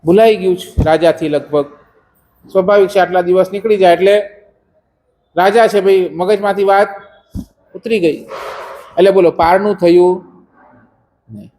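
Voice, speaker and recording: A man with a high voice delivers a religious discourse as a story. He keeps the listeners involved by asking them rhetorical questions along the way. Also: fairly even intonation, moderate pace, pauses often, darkish tone. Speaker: preacher.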